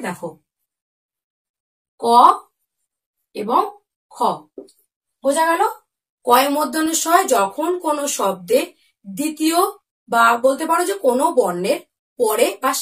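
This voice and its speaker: High, lively woman teaching young children. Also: distant mic. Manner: asks the pupils questions and answers them herself; repeats example words slowly and clearly. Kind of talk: Bengali lesson for young children.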